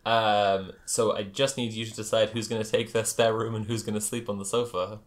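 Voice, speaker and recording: Low-voiced man running a tabletop game. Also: level tone. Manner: halting, hesitant delivery. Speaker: game master. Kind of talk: improvised tabletop game narration.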